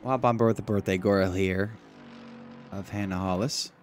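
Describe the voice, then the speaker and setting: A man provides casual, bantering live play-by-play on a sim racing event as a motorsport commentator. His voice sits low with a steady tone at normal speed, and car engines and race ambience are clearly heard behind him.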